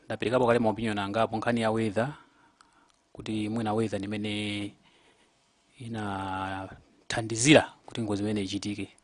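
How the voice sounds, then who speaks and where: Low-voiced man testifying. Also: level tone, fairly quick, dry recording. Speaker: pilot giving testimony. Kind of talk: formal testimony at a hearing.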